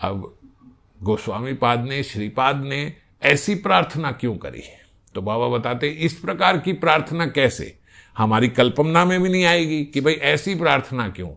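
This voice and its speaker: A man's voice: mid-range voice, expressive, vocal fry, a bit bright. Man giving a devotional discourse. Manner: explanatory storytelling, slow verse recitation. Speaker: spiritual discourse speaker.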